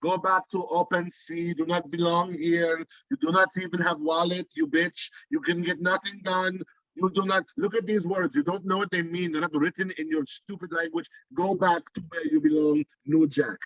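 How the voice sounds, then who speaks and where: A man's voice: on the high side, steady tone, moderate pace, fairly bright tone, dry recording, muffled recording, voice pushed up, lightly acted. A man voicing a rude, snobbish crypto platform that mocks newcomers in broken, insulting speech. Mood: sneering.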